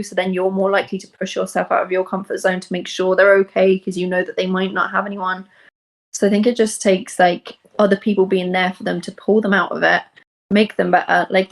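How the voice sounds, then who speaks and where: A woman guesting on a podcast as a psychology student. Her voice is gravelly with vocal fry and keeps to a narrow pitch range. She talks in a chatty, casual way, packing her sentences with fillers. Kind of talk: casual conversation.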